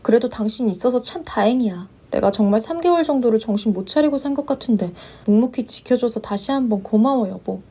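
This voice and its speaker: A woman voicing a gentle, supportive young husband who speaks softly and reassuringly in a narrated story. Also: lively intonation, fast talker, few pauses, breathy edge. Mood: grateful. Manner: soft, reassuring, low-voiced. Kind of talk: story narration with voiced roles.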